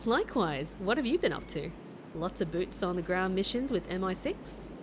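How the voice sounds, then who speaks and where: In an audio drama with narration, a woman plays a breezy, friendly Australian secret agent who is chummy, slangy, and playful. Her fairly low voice is expressive and moderately paced, the mood is cheerful, and the acting is light against a noisy background.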